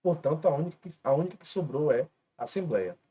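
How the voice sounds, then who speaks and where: A man's voice: fairly high pitch, expressive, fast talker, mellow, husky. A man with a Brazilian Portuguese accent teaching an online grammar lesson, patiently spelling out rules step by step. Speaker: exam-prep teacher.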